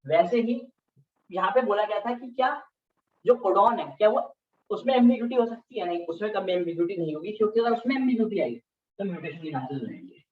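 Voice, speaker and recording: A man teaching a class talks fast in a high, expressive voice, going over key terms repeatedly and checking that students are with him. The classroom audio is far off, echoey and dull-sounding.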